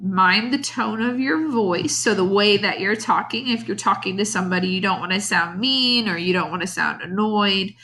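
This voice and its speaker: A woman's voice: medium pitch, normal speed, hardly any pauses, sharp tone. A woman teacher talking her class through an online lesson, casual and explanatory with fillers.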